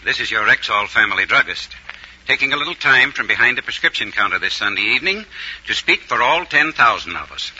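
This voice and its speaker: A man's voice: lively intonation, brisk, sharp tone, muffled recording, a little hiss or hum. A man reading a commercial in an earnest, reassuring way, heard as a vintage radio broadcast. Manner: earnest, reassuring sales pitch. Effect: old radio broadcast sound. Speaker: commercial spokesman. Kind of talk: scripted commercial read.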